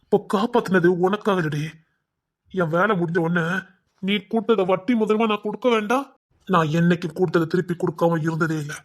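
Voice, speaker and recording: Vengeful thug, threatening delivery, higher male pitch, audio story, performed by a man. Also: brisk, natural voice. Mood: menacing. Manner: threatening, drops to a hiss.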